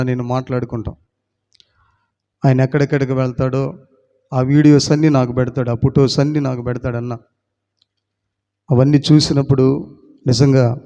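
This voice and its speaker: A male pastor with a mid-range, dark voice preaches a sermon that tells a story and builds to fervent prayer. The recording sounds dull and lo-fi, with long hall reverb.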